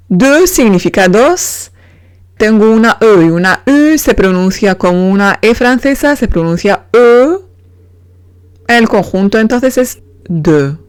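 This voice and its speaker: A woman's voice: mid-range voice, no room sound, studio quality. A woman giving a beginner pronunciation lesson, patiently spelling out letters and sounds. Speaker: French teacher.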